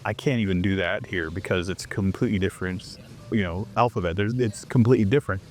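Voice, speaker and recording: A Canadian man living abroad appears as an interview guest in a casual chat, telling lively stories. His low voice moves fast, and he animatedly acts out the quoted exchanges in his tales.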